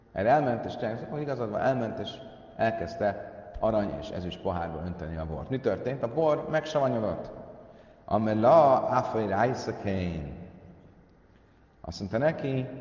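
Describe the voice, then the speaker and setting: Male Talmud teacher, reads Aramaic then explains it, halting with fillers, far from the mic in an echoey hall. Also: medium pitch, a little mellow, lo-fi sound. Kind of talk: Talmud lesson retelling stories.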